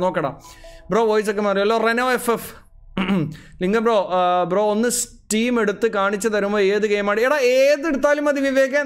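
Male streamer from Kerala, high-pitched, relaxed live chat with viewers, calling them bro. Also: clean tone. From Kerala, India. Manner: chatty, greets viewers and answers chat, calls them bro. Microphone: calibrated streaming mic.

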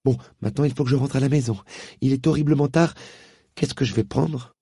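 Spirited young girl, sarcastic and quick, as a male reader puts her on. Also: mid-range voice, warm tone, slightly rough, dry recording, clean studio sound, voice pushed up. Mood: indignant. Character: spirited young London girl, sharp-tongued.

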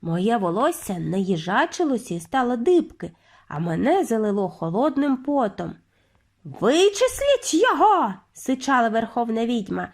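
Woman reading a bedtime story, high voice, really lively. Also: moderate pace, creaky. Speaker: audiobook reader.

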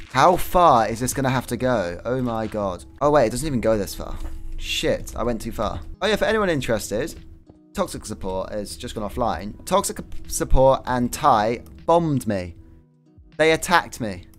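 Young streamer, loose rambling chat, faint music underneath. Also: male voice, medium pitch, sing-song, moderate pace. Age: young adult. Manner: rambling, swears casually, laughs often. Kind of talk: casual gaming stream chat.

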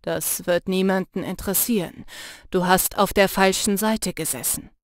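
In an audiobook, a woman voices an intense, protective young male shapeshifter, low, earnest and urging, softening when he teases. Her tone is steady and her speed normal, close to an everyday voice, in clean studio sound with no room sound.

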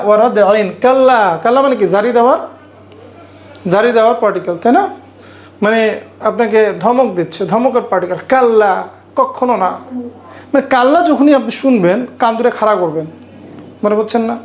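A woman teaching an Arabic grammar class, reciting verses slowly and explaining them step by step while quizzing her students. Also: mid-range voice, a little mellow. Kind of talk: online class lecture.

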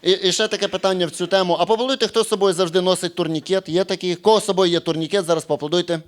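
A man's voice: high voice, steady tone, racing. A young man performing stand-up on a club stage, brash and profane, teasing the crowd. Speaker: stand-up comedian. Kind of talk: stand-up routine with crowd work.

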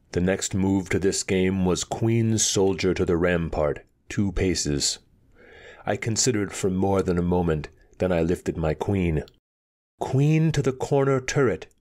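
Man reading a fantasy tale, really deep voice, slow and steady. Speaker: audiobook reader. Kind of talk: scripted fantasy narration.

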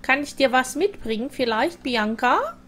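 German woman, let's play host, chatty, playful, high lively voice. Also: moderate pace. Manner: chatty, playful, talks to characters. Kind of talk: casual gameplay commentary.

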